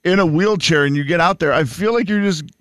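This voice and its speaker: American guy cohost, slightly high pitched, casual chatting, really dry studio mic. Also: fast, a bit bright, no room sound. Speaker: morning radio show co-host. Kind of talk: casual chat. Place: radio studio.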